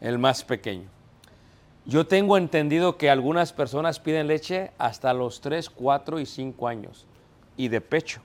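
A man's voice: a little high, unhurried. Male preacher with a slightly raised voice, quizzing his flock and acting out everyday scenes. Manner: asks the congregation questions and answers himself. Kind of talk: sermon.

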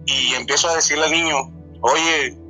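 Young mexican guy telling his story, stumbles and repeats words a lot, kinda high bright voice, faint music under it. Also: fairly even intonation, low-quality recording. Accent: Mexican Spanish. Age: 20s. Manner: halting, repeats words and restarts often. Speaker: storyteller sharing a true encounter. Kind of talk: casual spoken testimony.

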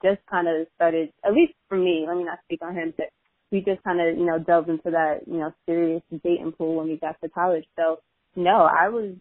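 Her voice is lowish and steady, her pace brisk, and the audio dry, echo-free, and phone-thin. She's a podcast guest in a casual conversation, American-raised with family from Nigeria, choosing her words thoughtfully and starting over hesitantly at times.

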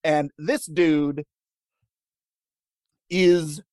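A man co-hosting a casual chat, telling food history with wry, deadpan jokes. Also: on the high side, very slow, no room sound, studio quality. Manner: wry, deadpan jokes, laughs at own lines. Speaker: podcast co-host telling history.

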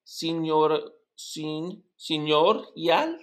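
A man whose first language is English, practicing a poem recitation as a Spanish learner, halting and repeating words syllable by syllable. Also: a little high, animated. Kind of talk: practicing poetry recitation in a lesson.

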